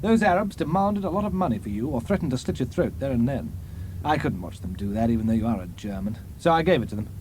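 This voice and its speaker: A man's voice: medium pitch, lively intonation, fast, darkish tone, a little hiss or hum, voice pushed up, natural voice. A man voicing a sunburnt young British army officer who questions a prisoner in a curt, commanding way. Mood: stern.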